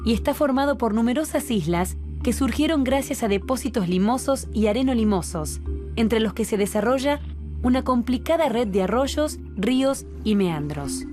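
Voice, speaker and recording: A woman reading scripted documentary narration in a calm, measured, explanatory way. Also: fairly high pitch. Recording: voice-over with clear music behind. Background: music.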